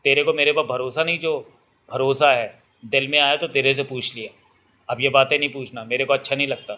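A young village woman in love, pleading and teasing, as a male narrator reads her. The voice stays bright and clear, in an audiobook novel. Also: medium pitch, steady tone, a little fast, lightly acted. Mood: hurt. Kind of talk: audiobook reading.

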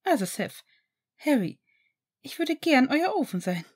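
A woman reading aloud voices a cheerful adult woman with a lifted, brighter voice. She sounds upbeat and generous in a storybook reading. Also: sits high, very animated, a little slow, voice pushed up.

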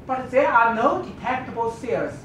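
A woman giving an academic thesis defense presentation, explaining step by step in a halting way. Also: a bit bright. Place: dark lecture room with projection screen. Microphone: distant camera microphone. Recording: distant, echoey room recording with rumbling noise.

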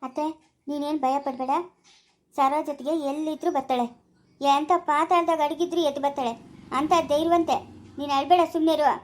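A woman acts out a kind young village woman consoling her aunt in a homemade family drama. Her voice is soft and even, steadily reassuring. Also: high-pitched, a little fast, pauses often, natural voice. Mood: soothing. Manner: soothing, reassuring. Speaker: neighbor comforting the mother. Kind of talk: amateur family drama acting.

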